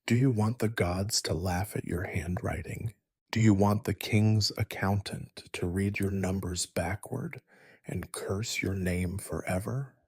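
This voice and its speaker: A man voicing a strict, sharp-tongued male scribe teacher in a whispered role-play, with clipped scolding. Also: deep voice, a little slow, breathy edge, no room sound, studio quality, full character voice. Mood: stern scolding.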